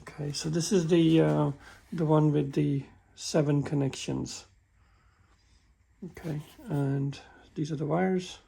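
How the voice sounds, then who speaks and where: A man talks through a car repair in a workshop, his voice deeply gravelly and husky. He stumbles and restarts sentences often as he shows the parts, keeping an unhurried, casual tone. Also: fairly even intonation, mellow. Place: workshop with a work table.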